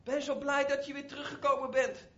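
A man voicing an overjoyed old father, warmly welcoming his son home with exclamations. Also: very high-pitched, moderate pace, dull audio.

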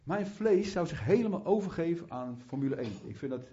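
A man's voice: a little high, lively intonation, fairly quick, mellow. Fervent preacher man, muffled sound. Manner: fervent, rising to prayerful fervor; chatty asides, restarts. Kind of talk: sermon.

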